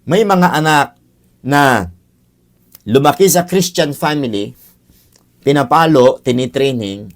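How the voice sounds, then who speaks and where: A man's voice: medium pitch, slow pace, pauses often. A man teaching a Bible lesson, earnest, calling his listeners brothers and sisters and repeating key phrases for emphasis. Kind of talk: Bible teaching on child discipline. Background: faint music.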